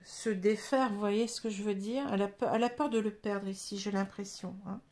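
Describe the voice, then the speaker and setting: A woman with a French accent gives her viewers a casual tarot reading, hesitant and full of fillers, often checking that they're following her. Her medium-pitched, slightly mellow voice runs a little fast with fairly even intonation.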